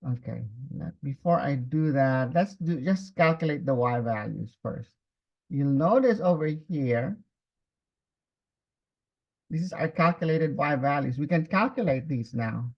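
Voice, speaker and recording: Animated and unhurried, a man with a slightly high voice and vocal fry leads a step-by-step spreadsheet tutorial. He dictates formulas piece by piece and checks in with learners in this screen-recorded lesson at a computer, where the audio comes across slightly dull and muffled.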